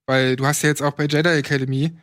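Male co-host of a casual gaming chat, animated, rambling, slightly high voice. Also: fast talker. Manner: animated, rambling, many fillers. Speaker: podcast co-host.

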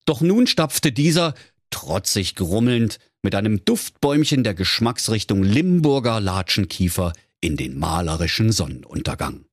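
Husky-voiced man narrating a comic fairy tale. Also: lowish voice, lively intonation, moderate pace, dry recording, studio quality. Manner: mock-solemn storytelling.

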